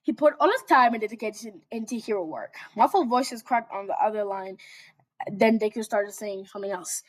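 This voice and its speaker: A woman's voice: medium pitch, a little fast. A young woman casually reading fan fiction aloud, breaking off for chatty, giggly asides. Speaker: fanfic reader.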